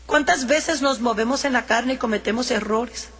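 A woman's voice: a little high, moderate pace, fairly bright tone, breathy edge. A woman preaching a sermon, earnestly reading scripture and teaching from it. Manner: earnest, reads scripture aloud between teaching. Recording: long hall reverb.

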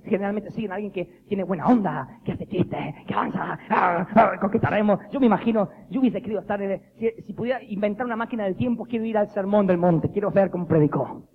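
A man preaching a lively, jokey sermon, acting out the voices he quotes. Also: high-pitched, fast talker, creaky, hardly any pauses. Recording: dull lo-fi recording with faint noise.

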